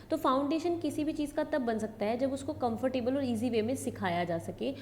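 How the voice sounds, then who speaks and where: Her voice warm and on the high side, a woman with a North Indian accent delivers an explanatory lecture as an educator. She weaves English terms into her speech and goes back over important points in fresh words, amid hall echo and background noise.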